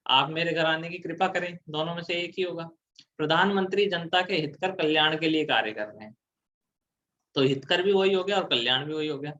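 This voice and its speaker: A man's voice: a little high, bright, forceful tone, lo-fi sound. A man teaching an exam-prep grammar lesson, explaining step by step and asking and answering his own questions.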